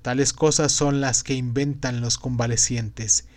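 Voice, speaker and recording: A man's voice: medium pitch, steady tone, unhurried, a little mellow, no echo, close to an everyday voice. A man reading aloud and voicing a grave, fervent male prophet-sage in a declamatory way. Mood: exhorting. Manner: declamatory, exhorting. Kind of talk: audiobook reading.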